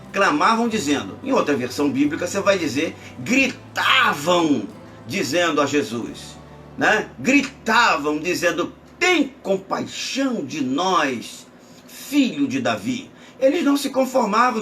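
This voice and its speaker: A man preaching a Bible lesson emphatically, rising to shouts and dropping to murmurs. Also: on the high side, recorded from a distance. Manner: emphatic, swinging between shouts and near-murmurs. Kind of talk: sermon-style Bible teaching.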